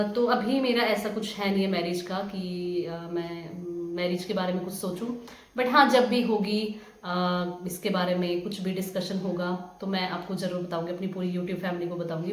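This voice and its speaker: Chatty young woman vlogging in an echoey room. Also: mid-range voice. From Himachal Pradesh, India. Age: 20s. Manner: chatty, hesitant with many fillers, laughs at questions. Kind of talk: casual Q&A vlog. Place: home room.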